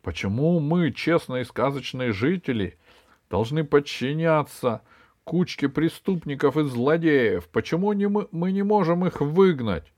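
A man's voice: a little high, expressive, unhurried, darkish tone, voice pushed up. A stern old winter grandfather rouses the crowd in a raised, indignant voice, as a man reading the book puts him on. He sounds righteous and determined, a storybook figure. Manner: indignant, rousing.

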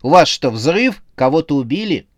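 A man's voice: a little high, sing-song, normal speed, no room sound, clean studio sound. A man voicing an anxious young wife in a comic horror audiobook, alarmed and protective of her husband. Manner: alarmed, pleading.

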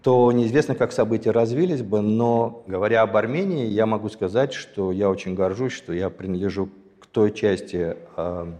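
A deep, mellow-voiced Azerbaijani man in his sixties looks back on his past as a guest in an interview. His delivery is measured and reflective, with frequent pauses as he picks his words. A long reverb trails his voice, like he's in a large hall.

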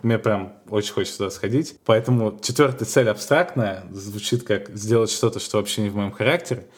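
A man co-hosting a podcast, chatting casually and telling stories in a musing, unhurried way with small hesitations. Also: on the low side. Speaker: podcast co-host.

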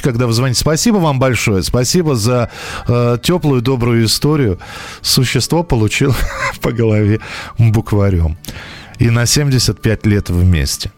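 Male live radio host, medium pitch, courteous and wordy, light music bed underneath. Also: moderate pace. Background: faint music.

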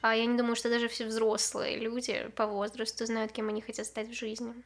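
Young woman in her 20s, chill and candid podcast guest, bit high voice. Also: a little fast, music in the background. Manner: relaxed, candid, laughs easily. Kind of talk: casual podcast chat.

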